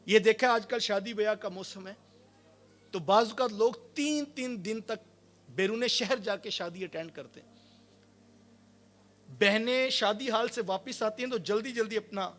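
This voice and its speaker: A man preaching a sermon, telling stories with quoted voices and swinging between loud and soft passages. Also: high voice, pauses often. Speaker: Islamic preacher.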